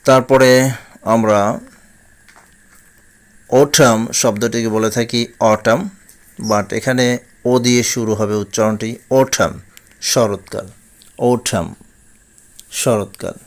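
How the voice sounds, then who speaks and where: A man's voice: lowish voice, fairly even intonation, moderate pace. A man with a Bengali accent teaching English pronunciation, saying each word several times and then giving its meaning. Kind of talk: slow, repetitive pronunciation lesson.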